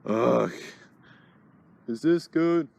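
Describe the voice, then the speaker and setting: A man's voice: mid-range voice, very slow, vocal fry, a little mellow. A man voicing a fussy old green plush toy who mutters nervously to himself. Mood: fretful. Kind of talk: plush toy puppet skit.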